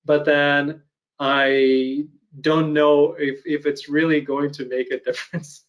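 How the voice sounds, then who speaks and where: A man in his thirties from Ukraine hosting an interview over a video call, talking in a thoughtful, measured way with frequent pauses. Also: fairly high pitch, flat delivery, poor audio. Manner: thoughtful, measured, hesitant with fillers. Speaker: podcast host. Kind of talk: casual interview chat.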